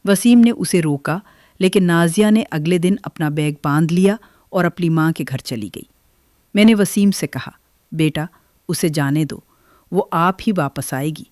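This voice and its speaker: An older woman telling her own family story in the first person, in a measured, gentle way. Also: lowish voice, no echo, clean studio sound.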